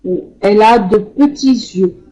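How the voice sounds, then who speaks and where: A French teacher whose first language is Arabic goes over students' sentences in a live online class. The delivery is very slow and unhurried, with a soft, mellow tone. Corrections come with frequent fillers and patient repetition. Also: mid-range voice, highs cut off, slight background noise. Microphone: computer microphone in an online class.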